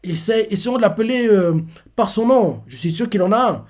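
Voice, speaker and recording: A man voicing an excitable, carefree young male pirate who calls out eagerly while reading out a manga chapter. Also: sits high, moderate pace, voice pushed up. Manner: shouting, eager.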